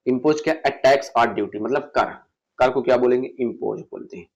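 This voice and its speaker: Gravelly male vocabulary teacher. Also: mid-range voice, brisk, a little mellow, muffled recording. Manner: asks and answers his own questions, repeats words. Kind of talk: exam-prep vocabulary lesson.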